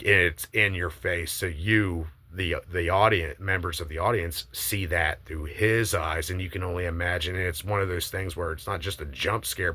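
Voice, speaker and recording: A man giving a casual, opinionated monologue, eagerly and emphatically pitching a movie idea with some swearing. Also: pushed and bright.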